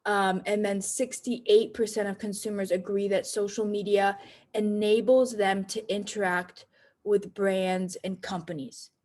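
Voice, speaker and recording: An American woman speaks at a middling pitch as she leads an informal online training. She sounds like a consultant talking to peers, conversational and checking that listeners are following. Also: level tone, unhurried, a little mellow. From Cape Cod, United States. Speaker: direct sales consultant presenting.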